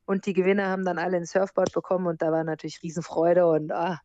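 This is a woman in her forties with a soft, mellow voice, chatting easily about her life and laughing often. The sound is close and dry, with a slightly muffled, lo-fi quality. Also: lowish voice, fast talker, no echo. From born in the US, grew up in Germany. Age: 40s. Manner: lively, laughs often while telling stories. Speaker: interview guest, surf instructor and hostel owner. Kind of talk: relaxed conversational interview.

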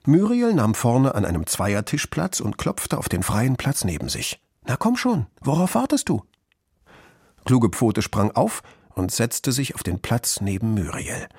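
A man's voice: on the low side, creaky, darkish tone, husky, no echo, clean studio sound. A man narrating a children's story expressively. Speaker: audiobook narrator.

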